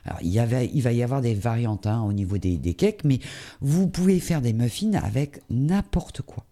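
A man hosts a cooking demonstration and explains each step as he goes. His voice is very dark and mellow, at a middle pitch, and he talks in a hesitant way, full of fillers. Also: animated, moderate pace. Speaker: cooking show host.

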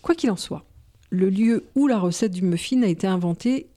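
A woman reads prepared notes aloud as a co-host on a cooking show. Her voice is warm and mellow at a middle pitch, and she reads in a steady, measured way.

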